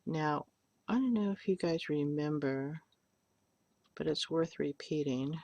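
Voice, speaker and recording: Older lady doing a clay tutorial on her webcam, slow and gravelly, jokey and rambling. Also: sits low, mellow, no echo. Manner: rambling, joking, self-deprecating. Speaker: polymer clay artist teaching. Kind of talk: chatty craft tutorial.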